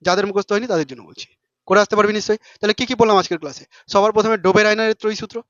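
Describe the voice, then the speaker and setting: A man teaches a class at a rapid clip, fast, informal and full of quick questions to his students. His voice sits high. The recording is dry and a little dull. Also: a bit bright, no echo. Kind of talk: classroom lesson.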